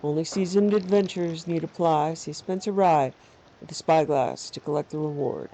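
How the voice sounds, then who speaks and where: A woman's voice: low-pitched, normal speed, dark tone, rough recording. A woman casually commentating on a game she is playing and reading bits of its text aloud. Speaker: gamer host. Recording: faint background noise.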